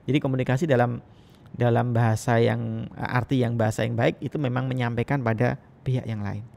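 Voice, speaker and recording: A man's voice: medium pitch, fairly quick, gravelly. A man giving a recorded lecture as a university lecturer. He speaks with energy and lets his intonation rise and fall. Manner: energetic, rising and falling intonation.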